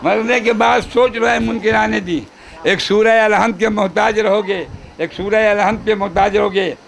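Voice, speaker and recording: High, gravelly man reciting devotional verse. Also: fairly even intonation, normal speed, crowd noise. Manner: repeats each couplet, chats with the audience between verses. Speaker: poetry reciter at a devotional gathering. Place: religious gathering at a shrine.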